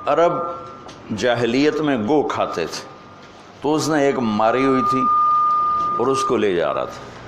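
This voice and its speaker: A man's voice: medium pitch, lively intonation, very noisy. Emotional male preacher. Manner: emotional, slow-swelling delivery. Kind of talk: sermon storytelling.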